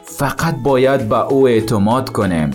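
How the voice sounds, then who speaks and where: A man voicing a calm, reassuring male prophet in a story. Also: mid-range voice, soft background music, voice pushed down, natural voice.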